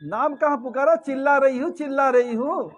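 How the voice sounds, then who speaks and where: A man voicing an exasperated goddess who has been shouting herself hoarse, complaining loudly in a storytold sermon. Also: very high-pitched, moderate pace.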